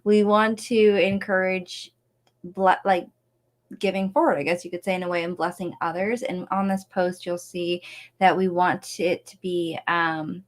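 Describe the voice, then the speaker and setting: Woman podcast co-host, slightly low voice, chatty and easygoing. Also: fairly even intonation, measured pace. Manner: chatty, laughs easily, hesitant fillers. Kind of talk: casual chat.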